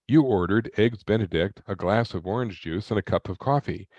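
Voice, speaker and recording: A man's voice: lowish voice, moderate pace, a little mellow, no echo, muffled recording, natural voice. A man putting on a chipper little robot waiter. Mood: polite. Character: polite little restaurant robot server, chipper.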